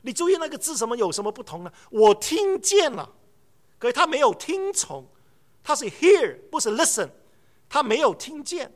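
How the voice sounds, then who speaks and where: 一位声音高亮、语调起伏大的男牧师. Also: male voice, extremely high pitch, fairly quick. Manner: animated storytelling, acts out dialogue. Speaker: preacher. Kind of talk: sermon.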